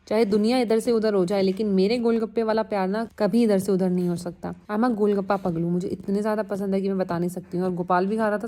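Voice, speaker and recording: A young adult woman vlogger giving a chatty voice-over about a family function, telling the story in a lively way straight to her viewers. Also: mid-range voice.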